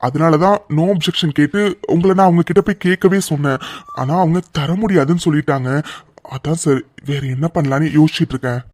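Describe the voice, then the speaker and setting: A man voicing a calm middle-aged lawyer in a cartoon, speaking in a measured, apologetic way. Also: a little high, no room sound, natural voice. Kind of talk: cartoon voice acting.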